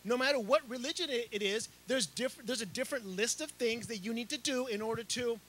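Animated and fairly quick, a Chilean-raised, middle-aged pastor preaches outside under a canopy, handheld microphone in hand. His voice is very high-pitched, and he keeps circling back with repeats and restarts.

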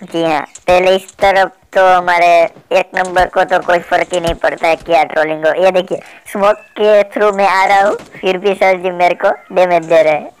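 A man's voice: sits high, steady tone, normal speed, clear, resonant tone, rough recording. A man giving comedic commentary over mobile game footage, playful and teasing, mock-polite toward the opponents he trolls. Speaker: gaming channel host.

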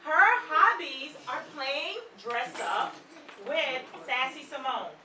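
Slow and high-pitched, a middle-aged woman reads her children's book aloud to young kids at a library, full of animation. She prompts them with questions and has them echo words. A camera far away records the echoey space, picking up children and room ambience.

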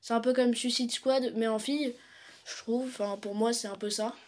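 A woman's voice: a little high, fairly even intonation, normal speed, a little mellow. A woman casually recapping upcoming films as a vlogger, hesitant and rambling with many fillers.

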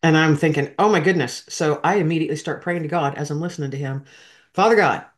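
A woman's voice: deep voice, steady tone, fast talker. A woman, a veteran hosting a podcast, telling an emotional story in a heartfelt, rambling way and talking straight to her listeners.

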